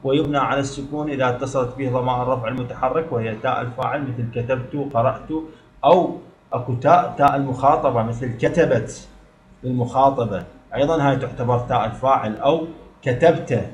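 A man's voice: medium pitch, fairly even intonation, very fast, roomy sound. A man with an Iraqi Arabic accent teaching a grammar lesson, explaining step by step and repeating words for emphasis.

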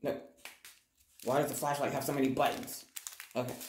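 A woman vlogger doing a chatty, excitable unboxing, recorded by phone in a small bathroom with the door closed, so her voice echoes. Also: a bass voice, brisk. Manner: excitable, self-deprecating chatter. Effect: echoey bathroom sound. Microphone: phone camera. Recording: echoey bathroom, faint background noise.

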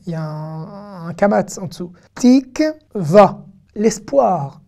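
A woman teaching an online language lesson, saying each word slowly and clearly several times before she explains it. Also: medium pitch, mellow. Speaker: Hebrew teacher.

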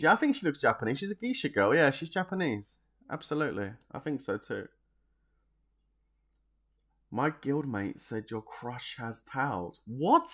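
A man with a voice on the high side chats casually from his desk at home during a game livestream. He jokes in slang, laughs a lot, and answers viewers' questions.

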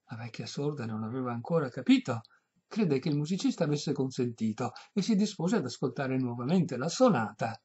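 Husky male audiobook reader, lively narration, dull lo-fi recording. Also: medium pitch, brisk. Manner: expressive, animated narration. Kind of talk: storytelling reading.

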